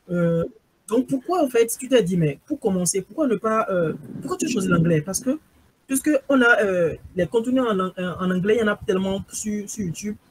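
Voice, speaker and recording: A man's voice: sits high, breathy edge. A man with a Beninese French accent hosting an interview, asking curious, teasing questions. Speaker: interviewer host.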